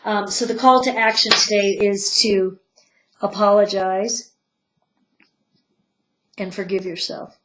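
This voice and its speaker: A woman giving a spiritual teaching talk, guiding her listeners softly, her voice swelling and then dropping to a hush. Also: medium pitch, little pitch movement, slow pace, long pauses, slight background noise. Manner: soft-spoken guidance that swells and drops to a hush. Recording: roomy echo.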